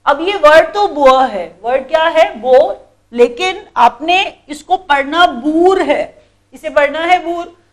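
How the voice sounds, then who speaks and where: Speaking slowly, this high, light-voiced woman with an Indian accent runs a classroom vocabulary lesson in English. Each word gets said more than once, her explanations are patient, and she keeps putting questions to the class.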